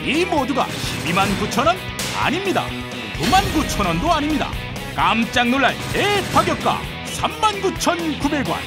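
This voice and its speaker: A woman's voice: sits high, big pitch swings, moderate pace. A woman narrating a scripted hard-sell advertisement with punchy, emphatic slogans. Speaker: advertisement announcer. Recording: voice-over with loud music behind.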